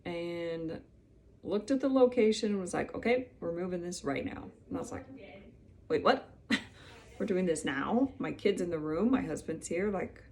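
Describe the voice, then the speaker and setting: Woman, thirties, casual vlog storytelling, candid, chatty, lowish voice. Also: expressive, moderate pace, pauses often, darkish tone. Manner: chatty, candid, quotes people in little acted bits. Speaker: vlogger sharing her melanoma story.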